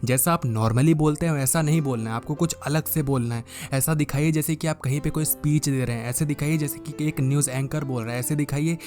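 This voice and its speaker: A young man giving voice tips in a casual tutorial, talking in a put-on presenter voice and humming deep om sounds to demonstrate. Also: fairly quick, hardly any pauses, a little mellow, faint music behind. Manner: talks in a put-on presenter voice, drawing out key words. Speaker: voice coach vlogger.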